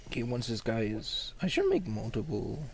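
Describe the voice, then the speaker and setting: A man's voice: medium pitch, wildly swooping pitch, moderate pace, a crowd in the background, rough recording. A man casually talking through a strategy game match, rambling with lots of fillers and restarts. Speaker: gamer commentating his match. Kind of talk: casual gameplay commentary.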